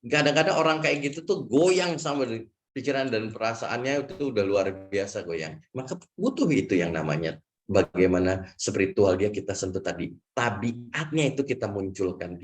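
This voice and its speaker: A man giving a conversational religious health lecture, chatty and full of tag questions, who acts out a patient's prayers as he teaches. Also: on the low side. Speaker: lecturer on prophetic medicine.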